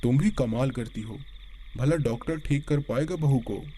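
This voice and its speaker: Storybook mother-in-law, middle-aged, fussing and soothing, warm low tone, voiced by a man. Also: normal speed, a little hiss or hum, close to an everyday voice. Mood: reassuring.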